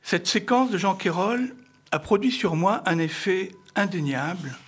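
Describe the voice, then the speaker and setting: A middle-aged man presenting an author's book to an audience in formal, literary phrasing, with halting, hesitant delivery and a husky voice. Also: high-pitched, expressive. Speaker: speaker introducing an author's book. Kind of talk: semi-prepared public book presentation.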